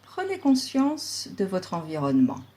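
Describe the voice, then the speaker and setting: Here a woman leads yoga relaxation as the instructor. She talks at a medium pitch in a calm, soothing, deliberate manner, pausing at length between phrases.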